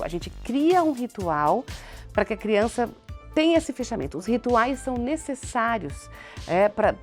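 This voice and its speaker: A woman's voice: medium pitch, darkish tone. A woman psychologist, a guest on a studio talk show, explaining things patiently and often asking and answering her own questions.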